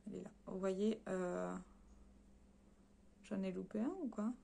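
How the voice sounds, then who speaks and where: A beauty vlogger chats casually through a haul in a mid-range, mellow, creaky voice, keeping a fairly even intonation and a measured pace. Talking directly to her viewers while showing swatches, she often hesitates with fillers and corrects herself.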